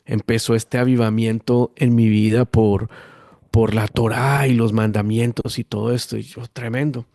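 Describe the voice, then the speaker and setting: Colombian pastor telling a lively story. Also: male voice, mid-range voice, moderate pace, no echo, studio quality. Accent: Colombian, Bogotá. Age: 50s. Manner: lively animated storytelling, acting out quoted voices. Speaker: guest pastor. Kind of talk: storytelling testimony.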